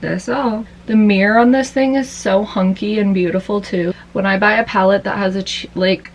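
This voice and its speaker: A woman's voice: mid-range voice, steady tone, moderate pace, low-quality recording. A tired young woman chatting her way through a makeup routine after an all-nighter, rambling casually. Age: young adult. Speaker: vlogger. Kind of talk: casual makeup vlog chat.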